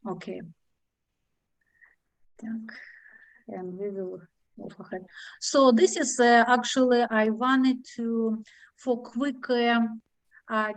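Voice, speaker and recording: A woman with a foreign accent leading an online discussion group, speaking haltingly with many fillers and restarts over a video call. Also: a little high, steady tone, no echo, rough recording.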